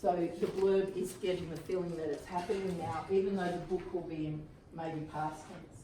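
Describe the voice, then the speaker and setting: A woman's voice: on the low side, steady tone, normal speed, mellow, a little hiss or hum. An Australian woman presenting a writing workshop in a chatty way, laughing at her own asides. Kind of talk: live workshop talk. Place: workshop room at a retreat. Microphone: distant room mic. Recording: echoey room, voice from far off.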